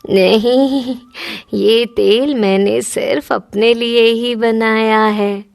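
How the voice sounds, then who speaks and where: Old cartoon village woman, slow and hushed, bargaining; woman voices her. High-ish, dry recording. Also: fairly even intonation, vocal fry, no echo, full character voice. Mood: secretive. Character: slow-talking old village woman selling hair oil. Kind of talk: cartoon dubbing.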